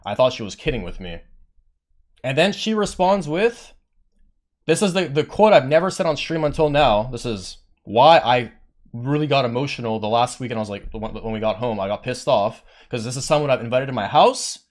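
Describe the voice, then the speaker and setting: A man streaming to his chat rants casually in a medium-pitched voice at normal speed. He's heated and petty, swears often, and mimics what others told him in a raised voice, while claiming his own voice is monotone.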